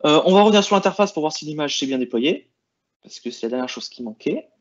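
A man's voice: on the high side, lively intonation, fast, highs cut off. A man explaining cloud settings in a screen-share walkthrough, hesitating often with fillers and restarts. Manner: hesitant, many "euh" and restarts while clicking through settings. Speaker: IT presenter.

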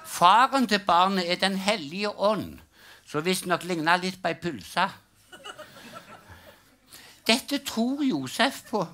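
A man's voice: high voice, expressive, pauses often, sharp tone. An older man doing a live stand-up routine, telling jokes in a dry storytelling way and acting out the punchlines. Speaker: stand-up comedian. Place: live comedy stage.

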